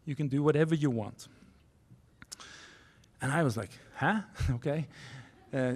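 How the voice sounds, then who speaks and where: A man in his forties from Norway with a Norwegian accent, giving a keynote speech at a university podium, earnest and halting, restarting phrases in non-native English. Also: medium pitch, husky. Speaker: keynote speaker. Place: university auditorium stage. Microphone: podium microphone.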